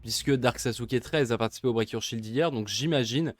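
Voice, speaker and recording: A man commentating an esports match, lively and chatty, easily amused. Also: mid-range voice, a little fast.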